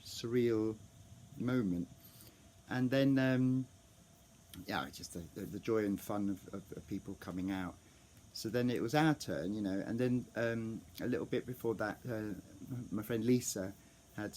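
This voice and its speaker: A man's voice: fairly low pitch, a little mellow, a little hiss or hum. A man telling a casual vlog story, rambling with many restarts and fillers, sometimes acting out the people he overheard. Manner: rambling, full of restarts and ums; acts out overheard fan reactions. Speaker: vlogger.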